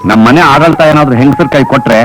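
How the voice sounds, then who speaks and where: An actor playing a strict household head in a film drama, speaking in a firm, commanding way. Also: male voice, mid-range voice, quick pace, soft background music, natural voice, poor audio. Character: stern adult man, household head, strict. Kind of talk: 1980s Kannada film drama acting.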